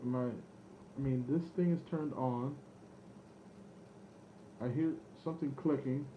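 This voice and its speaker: Taking it slowly, a medium-pitched man with fairly even intonation thinks out loud while showing off vintage electronics as an online seller. His unscripted demo is rambling, hesitant and self-doubting, captured in dull lo-fi camera audio with noise behind him.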